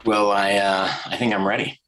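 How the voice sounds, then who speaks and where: A man's voice: lowish voice, normal speed, poor audio. A man being interviewed as a creative director, telling stories in a casual chat and acting out the voices of people he quotes. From American South. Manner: animated storyteller, acts out quoted voices. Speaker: podcast guest, creative director.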